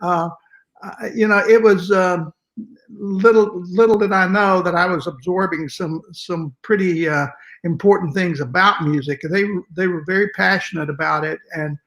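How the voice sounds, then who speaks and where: An older man with a West Texas accent and twang, reminiscing conversationally in a folksy, halting way as an interview guest. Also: high-pitched, fairly even intonation, a bit bright, low-quality recording. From West Texas, United States. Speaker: interview guest, music educator.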